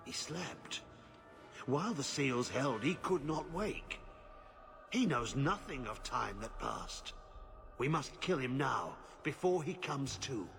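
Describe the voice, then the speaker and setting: A weary old warden, speaking slowly and solemnly in a gravelly voice. His pitch rises and falls with feeling, with faint music behind him, as in a fantasy game. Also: expressive. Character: old weary male warden, once tormented.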